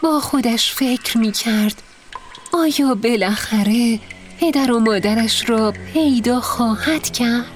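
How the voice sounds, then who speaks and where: A woman giving scripted storybook narration in an even, clear way, with music behind. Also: a little high. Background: background music.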